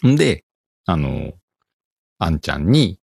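A middle-aged man with a Kansai accent hosts a casual solo chat. His voice sits very low, yet he swings it up and down as he rambles through an animated story. The recording is close and dry, with no room sound. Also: slow pace, creaky, slightly rough, no room sound. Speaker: podcast host.

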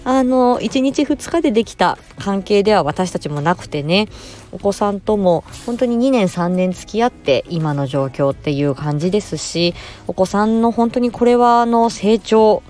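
A woman hosting a casual podcast, politely reading out listener comments in a gentle way, often pausing on filler words and sounding tired after work. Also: on the low side. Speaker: podcast host.

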